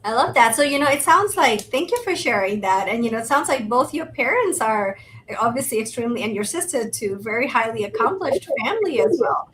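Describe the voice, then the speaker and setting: Upbeat higher-voiced woman co-host. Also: lively intonation, fairly quick. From Thailand. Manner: upbeat, warm, frequent "you know". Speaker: podcast co-host. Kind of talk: hosted interview conversation. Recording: remote video call, faint background noise.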